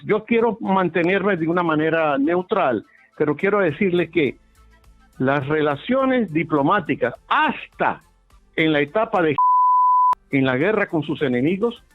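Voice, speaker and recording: A man from the Caribbean argues in a live political debate with a Caribbean Spanish accent and a blunt, plain-spoken way. His voice sits fairly high and comes through thin and phone-like, with some music underneath. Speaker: debate panelist.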